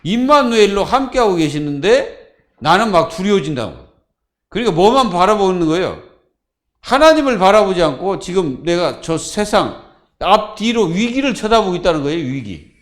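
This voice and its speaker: A man's voice: high voice, sing-song, moderate pace, fairly bright tone. A man preaching a Friday sermon as pastor, asking the congregation questions and answering them himself.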